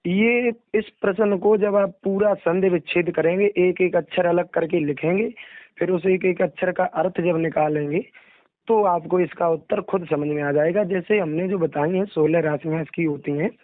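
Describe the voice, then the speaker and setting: A young man, a religious storyteller, explains things deferentially while chatting casually on a phone call. His voice is high-pitched and steady in tone, at a normal speed, with no echo. It's a recorded phone call with a narrow, dry sound.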